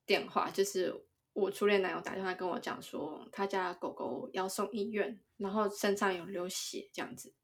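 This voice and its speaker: A woman's voice: medium pitch, moderate pace. A woman co-hosting a podcast, telling stories in casual chat with lots of giggling. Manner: giggly, animated storyteller. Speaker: podcast co-host.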